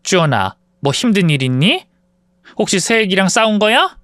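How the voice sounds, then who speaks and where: A fretful mother, as a male reader puts her on in a spoken story. She pleads in a high, swooping voice, and the read stays dry and close. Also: big pitch swings, moderate pace, a bit bright, no echo. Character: worried middle-aged mother, fussy.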